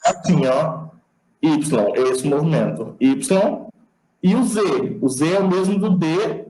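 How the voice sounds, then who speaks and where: A man's voice: a little high, slow, mellow, echoey room, poor audio. A man with a Brazilian accent giving an online lecture, patiently explaining the sign alphabet step by step. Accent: Brazilian Portuguese. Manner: patient, explanatory, demonstrates as he talks.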